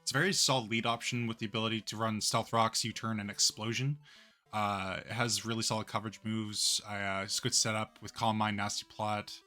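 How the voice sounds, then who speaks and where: Brief: young male host, low-pitched but bright tone, chatty and analytical, faint music behind. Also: fairly even intonation, a little fast. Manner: upbeat, analytical, with many fillers. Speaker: league coach and draft host. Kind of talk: casual stream chat.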